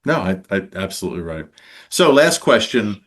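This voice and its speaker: A man's voice: on the low side, very animated, moderate pace, fairly bright tone. A man hosting a podcast interview over a video call, enthusiastic, with stumbling restarts. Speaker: podcast host. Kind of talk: casual interview and sign-off.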